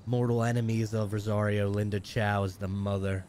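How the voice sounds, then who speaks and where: A man's voice: fairly low pitch, completely flat delivery, normal speed, a little mellow, slight background noise. A man hosting a live game stream, chatting casually, reading out viewer messages and laughing often. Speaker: streamer and host. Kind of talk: live stream chat and roleplay commentary.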